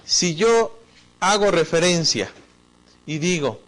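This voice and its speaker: A man's voice: fairly high pitch, sing-song, slow pace, a bit bright. A male teacher, explaining concepts step by step in an online lecture and speaking directly to the student.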